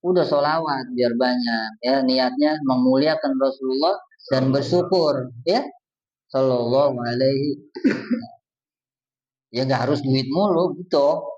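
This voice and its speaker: Speaking in a mid-range, darkish voice, the Islamic preacher gives an earnest, everyday-language sermon aimed right at his congregation. The sound is lo-fi, dull and distant.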